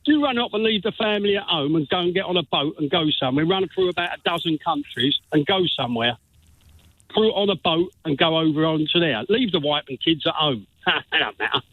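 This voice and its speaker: A man's voice: on the high side, lively intonation, brisk, dry recording. A man in his sixties with a London accent, calling into a radio phone-in. He talks bluntly and repeats his points. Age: 60s. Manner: blunt, insistent, repeats himself. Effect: phone line. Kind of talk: heated phone-in argument. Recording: tinny phone line.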